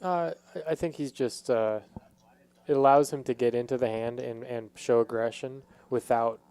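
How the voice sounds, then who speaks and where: Mellow, smooth-voiced male poker commentator. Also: mid-range voice, fairly even intonation, moderate pace. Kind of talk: casual live poker commentary.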